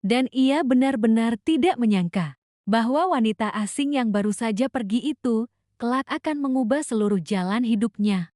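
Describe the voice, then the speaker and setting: A woman calmly narrating a scripted story as a storyteller. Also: fairly high pitch, normal speed, dry recording, studio quality.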